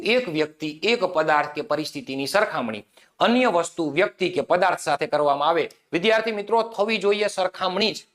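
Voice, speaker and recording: Man, teacher, high-pitched voice, repeats points, quizzes himself aloud. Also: fairly bright tone. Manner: repeats key points, asks and answers own questions. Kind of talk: exam-prep grammar lesson.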